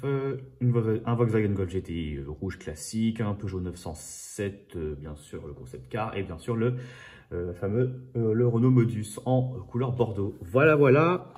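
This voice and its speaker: Man, low-pitched voice, casual collector chat, rambling, repetitive fillers. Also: a little mellow. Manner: rambling, chatty, often repeats "voilà"; apologises for his own accent. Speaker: toy car collector.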